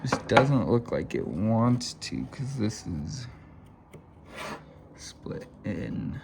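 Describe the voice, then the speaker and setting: An American man in a casual DIY car repair vlog, muttering low and sighing as he works on a stuck part. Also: big pitch swings, very slow, creaky, background noise. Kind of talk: casual chat while working.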